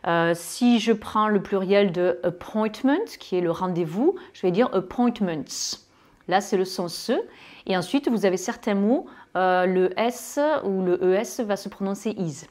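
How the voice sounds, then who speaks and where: A woman with a southern French accent teaches English pronunciation to French speakers in a spoken lesson. Her voice is mid-range with a darkish tone, and she uses many fillers and pauses while drawing out her English example words.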